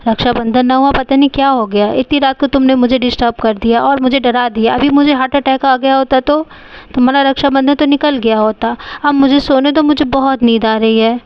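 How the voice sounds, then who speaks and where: A woman's voice: high voice, fairly even intonation, fairly quick, clean tone, no room sound, muffled recording, lightly acted. A woman voicing a sleepy boy doll who scolds his little sister irritably. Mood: grumpy. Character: grumpy sleepy boy doll, older brother.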